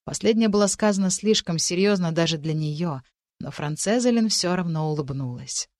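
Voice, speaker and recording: A woman with a lowish voice narrating a fantasy audiobook at a measured pace. The recording is close and dry. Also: a little mellow, dry recording. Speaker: audiobook reader. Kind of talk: scripted narration.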